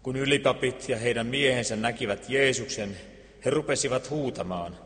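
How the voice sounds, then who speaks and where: A man's voice: medium pitch, a bit bright. Solemn male preacher in a reverberant church. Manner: solemn, measured, with deliberate pauses. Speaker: pastor. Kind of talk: Scripture reading and sermon.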